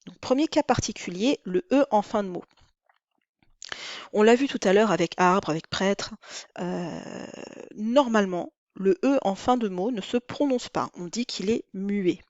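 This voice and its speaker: A woman teaching a lesson on counting the syllables of verse, with a clear, deliberate delivery. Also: mid-range voice, a little mellow, no room sound, lo-fi sound. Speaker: French teacher. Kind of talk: recorded lesson.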